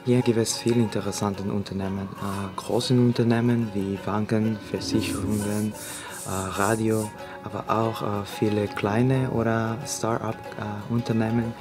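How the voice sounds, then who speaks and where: A young man from El Salvador, an international student, speaking haltingly with many fillers. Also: on the low side, flat delivery. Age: young adult. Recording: music clearly underneath.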